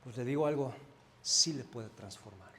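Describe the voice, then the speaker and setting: A man's voice: mid-range voice, moderate pace. A man from Mexico City with a Mexico City accent, preaching a conversational sermon as a pastor and often asking the congregation questions. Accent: Mexico City Spanish. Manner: animated, asks the congregation questions, swings between loud and soft. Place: church sanctuary.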